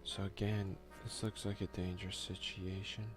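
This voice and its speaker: The gaming video host, a man, keeps his ASMR let's play casual, mumbling slangy asides and reading game text aloud. His low voice holds a level tone at a moderate pace, and music sits behind it.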